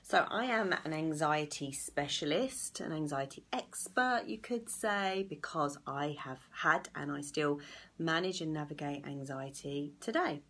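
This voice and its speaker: A friendly anxiety coach in her thirties hosts a casual live video from a small room at home, speaking to a phone or laptop camera at arm's length. Her voice is low and croaky yet fairly bright, expressive and unhurried. Chatty and encouraging, she greets viewers by name.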